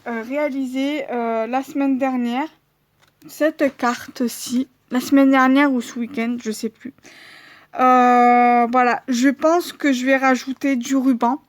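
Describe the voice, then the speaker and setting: A woman's voice: high voice, no room sound. A woman vlogger showing her handmade cards in a casual, hesitant way, with many fillers. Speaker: crafting vlogger.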